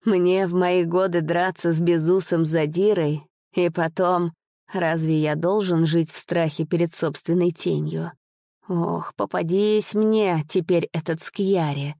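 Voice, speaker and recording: A woman voicing a frightened aging nobleman who whines and begs, speaking slowly. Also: on the low side, steady tone, creaky, dark tone, no room sound, studio quality. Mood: aggrieved. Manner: pleading, whimpering.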